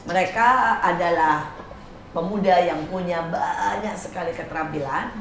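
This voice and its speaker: A woman's voice: fairly low pitch, moderate pace, echoey room, background noise. A woman hosting a casual interview show in a garden, chatty and teasing, asking many questions. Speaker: host. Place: outdoor garden.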